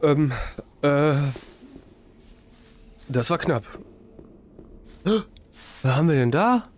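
A man's voice: fairly high pitch, expressive, slow pace, a little mellow. A man in his thirties giving colloquial, joking let's play commentary into a close microphone. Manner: joking, colloquial, mock-exasperated. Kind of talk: casual gaming commentary. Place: indoor room at a desk. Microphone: close microphone on boom arm, with headset. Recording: faint game noise behind voice. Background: faint game ambience.

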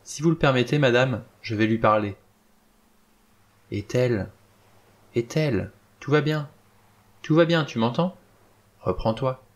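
A man's voice: mid-range voice, fairly quick, few pauses, a bit bright, lightly acted. A man reading an audiobook, voicing an anxious, deferential middle-aged butler.

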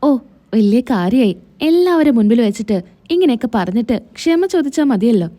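A cheeky, playful young wife voiced by a woman storyteller, coaxing and teasing in a fairly high, mellow voice, in a storybook-style retelling. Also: big pitch swings, brisk.

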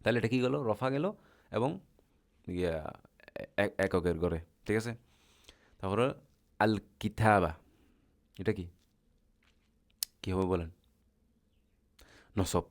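A man's voice: lowish voice, expressive, takes it slowly, long pauses, darkish tone. A man teaching Arabic grammar in a lecture, asking the class questions and answering them himself in a patient, repetitive way.

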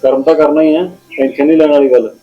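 A man acting a calm young elder brother who soothes his worried family. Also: fairly high pitch, quick pace, muffled recording, faint music behind, close to an everyday voice. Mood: reassuring. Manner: soothing, easygoing. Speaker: actor. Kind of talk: village short film acting.

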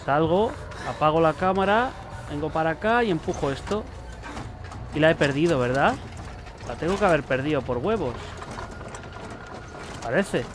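A man's voice: on the high side, lively intonation, moderate pace, pauses often, background noise. A young man, commenting casually on a horror game as he plays, swearing and chatting to the characters. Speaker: gaming YouTuber. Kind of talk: let's play commentary.

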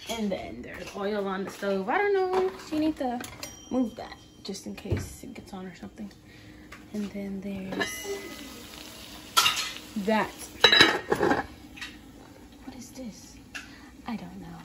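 A young woman chatting casually in a home vlog, relaxed and rambling with fillers, filmed on a phone held at arm's length. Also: mid-range voice, takes it slowly, long pauses, very noisy. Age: young adult. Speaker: vlogger. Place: home, kitchen and bedroom indoors.

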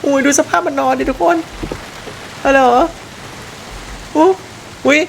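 A young woman streaming a horror game live, talking to her viewers in a chatty, excitable way, swearing freely and squealing at the scares. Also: high-pitched, a little slow, creaky, a little hiss or hum.

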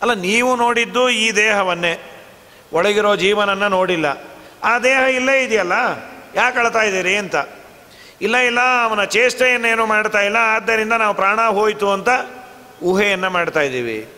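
High bright-voiced man, hall reverb. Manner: lively, rhetorical questions, chants verses slowly. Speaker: religious discourse speaker. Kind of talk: devotional discourse with chanted verses.

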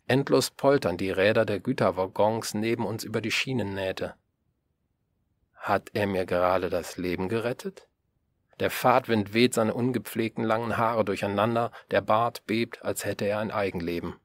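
A man reading an audiobook in first person. His voice sits low and his delivery is calm and even. He moves through the scene without rushing. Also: no echo. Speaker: audiobook reader.

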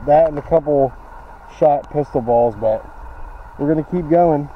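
A man's voice: a little high, measured pace, narrow, tinny audio. A young man chatting casually as a treasure hunter on a vlog. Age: young adult. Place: outdoors, on lawn and river water. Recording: noisy outdoor handheld camera audio.

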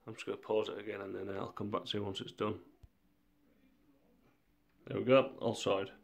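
A man with a cold talking through a screen tutorial in a monotone, laid-back way. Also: fairly low pitch, moderate pace, creaky. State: has a cold. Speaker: tutorial maker.

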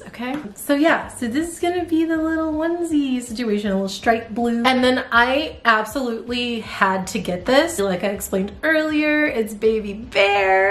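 A young woman vlogger chatting casually about a haul, bubbly and gushing, often slipping into a cutesy baby voice. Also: fairly high pitch. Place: outdoors in bright sun. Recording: roomy echo.

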